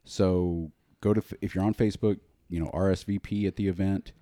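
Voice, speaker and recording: A man's voice: sits low, fairly even intonation, fairly quick, dark tone, dry recording, clean studio sound. A man hosting a podcast, giving casual, chatty announcements with fillers. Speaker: podcast host. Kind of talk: casual chat.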